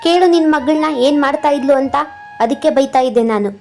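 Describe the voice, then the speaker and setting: A woman's voice: sits high, normal speed, faint music behind. A woman doing a haughty rich sister. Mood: scornful. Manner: sharp, scolding, contemptuous.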